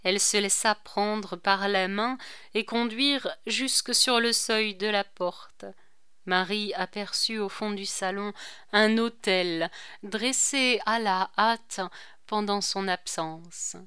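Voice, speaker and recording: A woman narrating a classic novel as an audiobook, in a measured, deliberate reading. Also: mid-range voice, pushed and bright, clear, resonant tone, no echo, clean studio sound.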